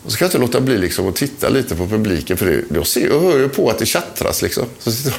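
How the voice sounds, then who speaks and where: With a medium-pitched, sing-song voice touched by vocal fry, a former footballer now older shares a chatty story about a past match, frequently laughing while he talks.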